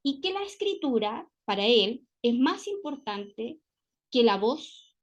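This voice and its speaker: A woman's voice: a little high, sing-song, slow, highs cut off. A woman with a Chilean accent, giving a classroom lecture and explaining step by step, often checking in with her listeners through tag questions. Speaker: teacher.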